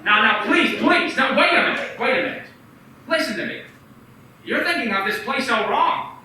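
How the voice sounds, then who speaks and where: A radio play actor in a community radio play voices an earnest young small-town banker, heavily acted with a very high voice at a moderate pace. His pleading is urgent and animated, recorded far from the mic in an echoey room with slight background noise.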